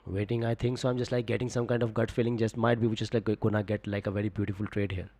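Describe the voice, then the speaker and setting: Speaking rapid-fire in a fairly low voice, this young man streams live about forex trades. He reads out viewer comments and coaches in a relaxed way, repeating "just, like" over and over.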